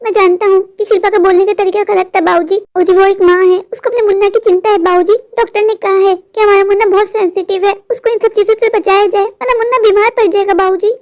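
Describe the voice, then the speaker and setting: A woman's voice: extremely high pitch, steady tone, fast, few pauses, darkish tone. A woman voicing an earnest young husband and dutiful son in a cartoon story, pleading and lecturing.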